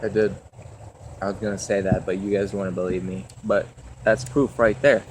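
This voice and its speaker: A man with a fairly low voice chats casually as co-host of a challenge video. He is playful and likes to tease. There is clear noise behind him. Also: level tone, normal speed. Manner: playful, teasing. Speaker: video creator co-hosting a challenge. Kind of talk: casual banter to camera. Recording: noisy home video. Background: clear background noise.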